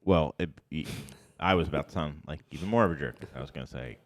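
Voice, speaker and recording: This middle-aged man co-hosts a podcast with a fast-moving bass voice, wandering through casual conversation full of ums and false starts. Reverb colors his voice.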